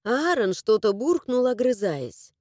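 A woman narrating a first-person fantasy audiobook with a lively, swooping, fairly high voice. Her tone is mellow and warm, and the read is dry and close to the mic. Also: unhurried, no room sound. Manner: expressive, animated storytelling.

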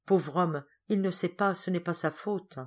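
A woman's voice: on the low side, measured pace. Woman reading as a frail, tearful young girl. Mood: tender.

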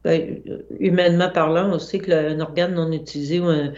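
A woman's voice: on the low side, fairly even intonation, a little mellow. A woman, talking in a playful, chatty way in a casual discussion. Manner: playful, chatty, quick to laugh. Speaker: guest. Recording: echoey room, dull lo-fi sound.

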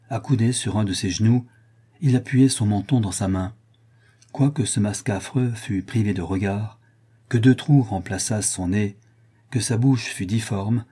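A man narrates a classic novel in a low, mellow voice. His delivery is slow and solemn. A slight husky grain runs through his reading. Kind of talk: scripted audiobook narration.

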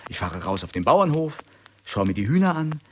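An actor playing a middle-aged older brother, bitter and sarcastic, in a radio play. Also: male voice, medium pitch, big pitch swings, normal speed, slight background noise, natural voice. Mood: bitter sarcasm. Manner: sarcastic, accusing.

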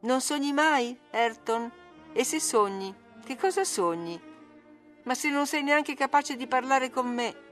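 A woman's voice: high-pitched, animated, a little slow, fairly bright tone, soft background music, voice pushed up. A woman reading aloud, voicing a petulant, teasing young woman who turns pleading with her cousin. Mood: mocking. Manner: needling, then tearfully pleading.

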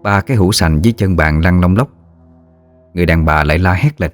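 A man narrating a ghost story in a steady, measured storytelling voice. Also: low-pitched, no echo, soft background music.

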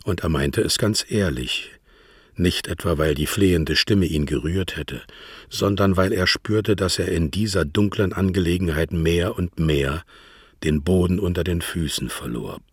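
Man slowly reading a novel, calm and measured, very deep voice, dry sound. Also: husky, no room sound. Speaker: narrator. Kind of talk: audiobook reading.

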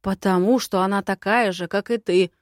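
A woman voicing a grumpy, stubborn old male court elder who shouts and blusters in an audiobook. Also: medium pitch, fairly even intonation, moderate pace, dry recording, clean studio sound, close to an everyday voice. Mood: blustering.

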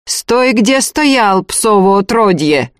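A woman voicing a cruel female estate manager who sneers and barks orders in a shrill, cutting voice. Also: animated, slow pace, clean tone, no room sound, studio quality. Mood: shrill commanding.

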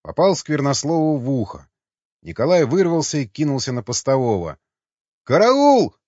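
A man narrating an audiobook in a dramatic, expressive way. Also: mid-range voice, a little fast, no room sound. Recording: dull, slightly lo-fi dry recording.

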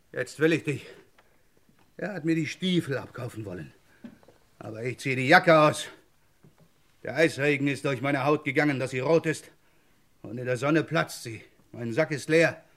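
An actor playing a haunted, bitter soldier who has returned home, in feverish, mocking stage speech for a 1960s radio drama. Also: male voice, medium pitch, fairly bright tone, close to an everyday voice.

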